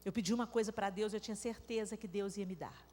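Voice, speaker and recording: A woman's voice: mid-range voice, fairly even intonation, fast talker, warm tone. A woman with a Brazilian accent giving an emotional live sermon in a church, telling a story that swells into tearful outbursts. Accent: Brazilian Portuguese. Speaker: preacher. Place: large church hall. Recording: live church recording with long reverb.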